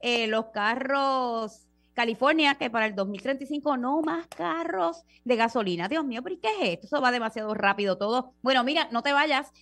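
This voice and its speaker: High-voiced woman hosting a radio show. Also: brisk, fairly bright tone.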